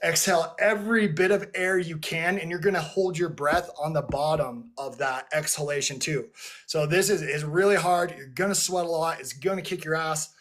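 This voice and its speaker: A man's voice: fairly high pitch, normal speed, fairly bright tone. A man talking loosely to his chat on a livestream through a headset mic, rambling with lots of "like" and restarts while leading breathwork. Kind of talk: casual livestream talk to a chat.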